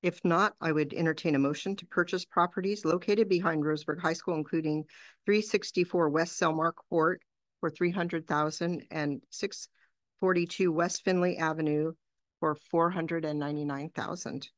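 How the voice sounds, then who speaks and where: In a large boardroom, a woman with a low, fairly even voice chairs a school board meeting at normal speed. She goes procedurally through motions and public comment rules with frequent fillers, and the recording is dry.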